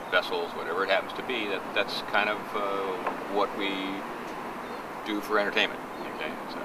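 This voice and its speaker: Male diver, lower voice, halting casual answers, distant outdoor recording with boat noise. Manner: hesitant, with fillers and restarts. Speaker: scuba diver.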